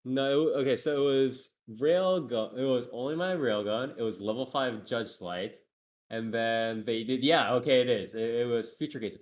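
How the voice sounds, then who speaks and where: A man co-hosting an anime podcast, chatting casually with frequent laughs and quick asides. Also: medium pitch. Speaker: podcast co-host.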